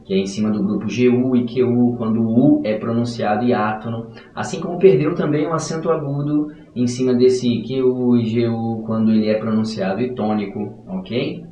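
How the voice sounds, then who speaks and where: A man's voice: mid-range voice, mellow, far from the mic. A male teacher wrapping up a lesson, chummy and joking with his students. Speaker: grammar teacher. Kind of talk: video lecture outro. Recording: dull, echoey room, off-mic.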